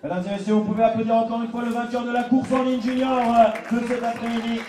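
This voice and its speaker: A man announcing a race podium live, rallying the crowd and pausing often with hesitations. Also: very high-pitched, flat delivery, background noise. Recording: echoey PA sound from far off with music and crowd.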